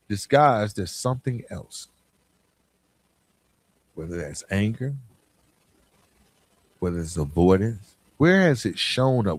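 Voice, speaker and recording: Talking directly to his listener, this American podcast host delivers a casual motivational monologue sprinkled with rhetorical questions. His voice is medium in pitch, and the recording carries no room sound.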